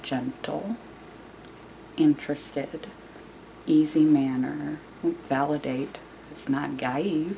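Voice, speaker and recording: A woman speaking quietly in a hushed near-whisper, as if someone is asleep nearby, giving casual self-help advice in a halting, repetitive way. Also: low voice, steady tone. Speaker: video channel host. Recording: clearly noisy room recording.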